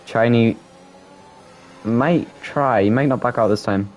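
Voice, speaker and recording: Excitable Geordie man calling a race. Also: medium pitch, a little hiss or hum. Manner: excitable, quick restarts, laughs easily. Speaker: race commentator. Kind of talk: casual sim racing commentary.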